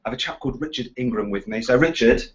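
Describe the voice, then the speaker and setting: A British man from Walsall in England's West Midlands talks rapid-fire in a mid-range voice, presenting a casual car question-and-answer chat. He's chatty and bantering, and the lo-fi recording sounds slightly dull.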